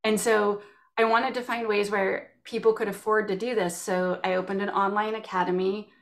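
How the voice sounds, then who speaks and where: A Canadian woman, a guest in a casual interview, telling stories with lively acted-out quotes. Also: medium pitch, moderate pace. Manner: animated storytelling, acts out quotes.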